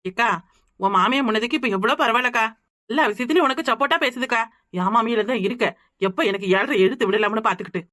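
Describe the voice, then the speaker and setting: A woman with a Kanyakumari Tamil accent voices a teasing, joking village woman in a family cartoon. Her voice is high and bright, and she talks briskly. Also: no echo, clean studio sound. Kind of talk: animated village cartoon dialogue.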